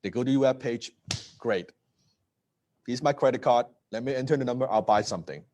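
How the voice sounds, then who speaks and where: Late-30s man presenting live, energetic, mid pitch, checks in with the audience constantly. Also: a little fast, slight background noise. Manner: energetic, repeats words and asks "right?". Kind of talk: live-streamed business talk.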